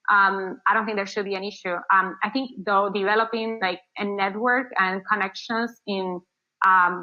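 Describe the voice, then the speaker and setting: An Argentinian woman whose first language is Spanish, not English, answers interview questions casually as the founder of an agency. Her voice is mid-range and the recording sounds muffled. She rambles, restarting often and filling gaps with lots of fillers.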